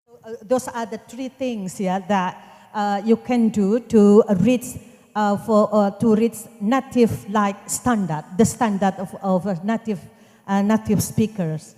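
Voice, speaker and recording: A woman's voice: mid-range voice, fairly even intonation, unhurried, mellow. A woman with an Indonesian accent moderating conference questions, hesitant and repeating her instructions. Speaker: session moderator. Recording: echoey hall with long reverb.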